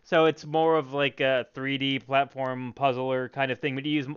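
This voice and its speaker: A man's voice: medium pitch, little pitch movement, moderate pace, a bit bright, clear, resonant tone, lo-fi sound. A man hosting a casual gaming podcast, chatty and enthusiastic, often restarting his words. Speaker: podcast host.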